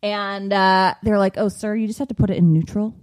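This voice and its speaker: A woman's voice: mid-range voice, fairly quick. A woman in her thirties co-hosting a casual chat show, telling stories with acted-out quotes. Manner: animated storyteller, acts out quotes. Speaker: podcast co-host.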